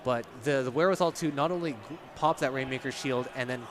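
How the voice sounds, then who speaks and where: A man's voice: medium pitch, fast talker, slight background noise. A man doing live esports commentary, chatty and explaining game mechanics with a laugh.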